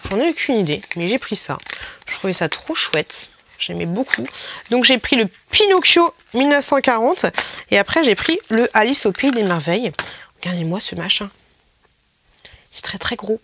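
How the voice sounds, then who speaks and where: A woman's voice: animated, normal speed, fairly bright tone, slight background noise. A young woman chatting casually through a beauty haul, playful and self-mocking. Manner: chatty and playful, mocks squeaky influencer voices. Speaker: beauty vlogger. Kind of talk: casual haul video chat.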